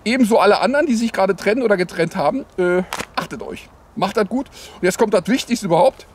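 A high-voiced man delivers satirical headlines as a parody news anchor. His intonation swings widely as he rambles with sarcastic, mock-naive asides and repeated little confirmations. Faint ambient noise sits behind the voice. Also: expressive, quick pace. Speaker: host of a satirical news show. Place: outdoors in the cold.

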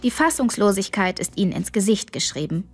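Audiobook narrator, woman, expressive first-person read, drops to whispers. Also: mid-range voice, a little fast, faint music behind.

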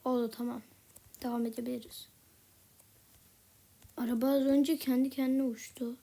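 A woman giving casual gameplay commentary in a soft, half-whispered voice, a little sick with a slightly rough voice. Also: sits high, little pitch movement, moderate pace. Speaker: gaming channel host.

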